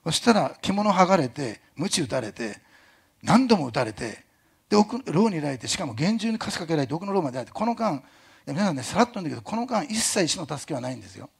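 Animated, gravelly-voiced man preaching. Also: on the high side, fast. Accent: Kyushu dialect touches. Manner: animated, jokey asides, imitates other pastors. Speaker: pastor. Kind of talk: sermon.

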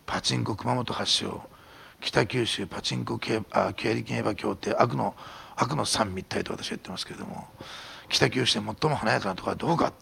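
A man preaching a sermon as a pastor, telling stories in an animated way and sometimes dropping to a whisper. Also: fairly low pitch, a little fast, vocal fry, slightly rough. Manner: animated storytelling, drops to a whisper at times.

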